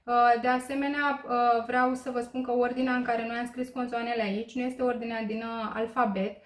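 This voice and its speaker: A woman teaching a language lesson, explaining slowly with many filler pauses and checking in with listeners. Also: a little high, flat delivery. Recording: echoey room.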